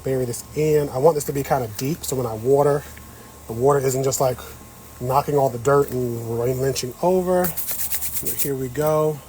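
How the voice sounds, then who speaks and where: This clip has slight background noise and poor audio. A man with a dark, medium-pitched voice speaks at a moderate pace, chatting with his livestream viewers as he works patio soil during a relaxed gardening show.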